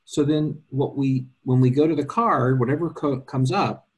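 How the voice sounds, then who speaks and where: A man co-hosting a casual live question session, explaining card readings in quick bursts with self-deprecating humor. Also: mid-range voice, breathy edge. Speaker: co-host and card reading teacher.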